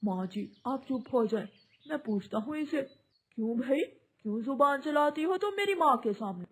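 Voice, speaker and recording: A woman's voice: sits high, lively intonation, moderate pace, slightly rough. Woman playing a stern young husband bird. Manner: stern, questioning. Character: young husband bird, son caught between wife and mother.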